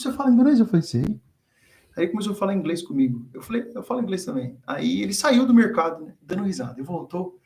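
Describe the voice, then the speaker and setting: A man's voice: a little high, creaky, darkish tone. A man from Brazil, a guest explaining religion in a casual, teaching way, who acts out the dialogue he quotes. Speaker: guest speaker on theology. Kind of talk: conversational teaching.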